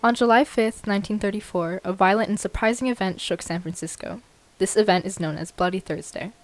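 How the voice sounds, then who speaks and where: A woman's voice: mid-range voice, fairly quick, faint music behind, rough recording. A woman narrating a student history documentary, reading evenly from a script.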